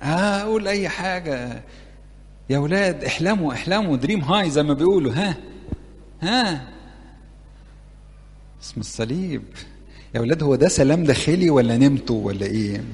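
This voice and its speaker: Playful Egyptian preacher in a reverberant hall. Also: male voice, fairly high pitch, expressive, a little fast, pauses often. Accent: Egyptian Arabic. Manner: conversational, playful, keeps asking the audience questions. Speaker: church preacher teaching youth. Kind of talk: interactive sermon. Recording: long reverb of a large hall.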